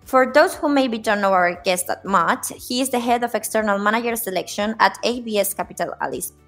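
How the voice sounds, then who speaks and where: A woman hosts an interview podcast at a mid-range pitch, reading her introductions formally. Her questions come out a bit halting, with repeated words and "uh" fillers. Faint music plays beneath her voice. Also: fairly bright tone. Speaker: podcast host. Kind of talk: scripted podcast hosting.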